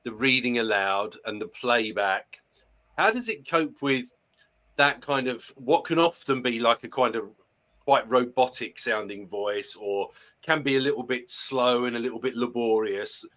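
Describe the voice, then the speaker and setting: A man's voice: medium pitch, a little slow, fairly bright tone. A man with an Essex accent, a language teacher, talking casually in a webinar with frequent restarts and self-deprecating jokes.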